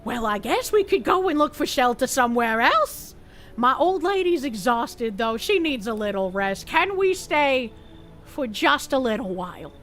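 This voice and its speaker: A folksy middle-aged husband, too courteous and quietly pushy, speaks in a lowered voice, as a woman acts him out. His sweetness sounds put on. Faint game music runs behind him. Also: big pitch swings, measured pace, full character voice. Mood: polite, ingratiating.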